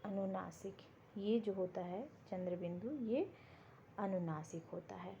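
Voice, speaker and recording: Slow, mellow-voiced woman teaching grammar. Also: mid-range voice, creaky, highs cut off, slight background noise. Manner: slow, explains step by step, asking and answering her own questions. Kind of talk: classroom-style exam prep lesson. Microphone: board lesson video, writing while talking.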